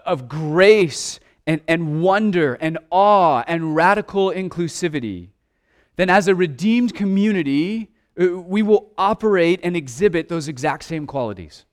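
A man preaching a sermon in an earnest way, stumbling over restarts and at times dropping to a hushed voice. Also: high voice, lively intonation, unhurried. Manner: earnest preaching with repeated restarts, dropping to a hush for quiet asides. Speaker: pastor.

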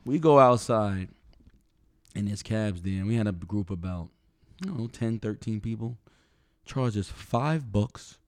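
Man co-hosting a podcast, fairly low voice, animated storyteller, dry close sound. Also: measured pace, dry recording. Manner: storytelling, animated, acts out quotes. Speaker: podcast co-host. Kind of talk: casual chat. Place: home dining room studio.

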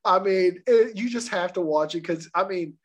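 A man co-hosting a podcast, excitedly telling a story in casual chat and laughing often. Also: high voice, normal speed. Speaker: podcast co-host.

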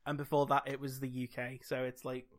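A man's voice: mid-range voice, monotone, a little fast. A man co-hosting a casual podcast, rambling with lots of "like" and dry jokey asides. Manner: rambling, full of "like" and restarts. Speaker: podcast co-host. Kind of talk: casual chat.

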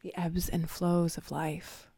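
A woman guiding a visualization meditation in a soft, half-whispered, soothing voice with long pauses. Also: fairly low pitch, flat delivery, slightly rough, dry recording, clean studio sound. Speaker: meditation guide.

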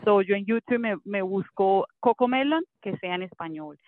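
A woman's voice: medium pitch, animated, moderate pace, no echo. A woman chatting casually about raising her daughter, dropping English fillers into her speech. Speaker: guest, mother. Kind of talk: casual conversation. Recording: thin phone-like dry audio.

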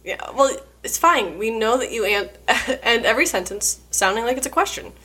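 High husky giggly woman. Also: expressive, moderate pace, sharp tone. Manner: giggly, drops her voice low at sentence ends. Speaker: podcast co-host. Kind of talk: casual chat.

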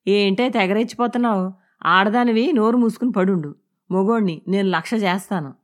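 A woman reading an audio novel voices a crude, mocking, domineering husband who scolds in a loud, raised voice. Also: mid-range voice, brisk, close to an everyday voice. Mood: scornful, bullying.

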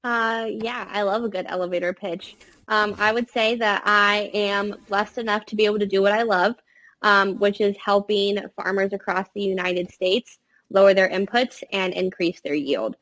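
A young adult woman giving casual interview answers in an upbeat, earnest way, speaking from a quiet room. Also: medium pitch, steady tone, moderate pace, low-quality recording. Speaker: podcast guest, family farm-consulting business co-runner. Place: quiet space in a college library.

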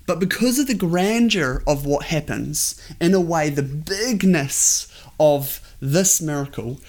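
A male pastor with a New Zealand accent and a slightly high voice. He preaches in an informal, conversational way, earnest in tone and often circling back to repeat a phrase. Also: lively intonation, slow pace. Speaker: pastor preaching to an online congregation. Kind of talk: conversational sermon.

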